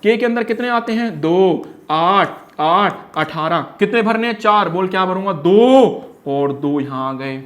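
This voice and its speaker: A man teaching an energetic one-shot lesson in a playful, teasing way. He fires quiz questions, answers them himself and stretches phrases into a singsong. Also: high voice, measured pace, few pauses. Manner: drags words out in a singsong way.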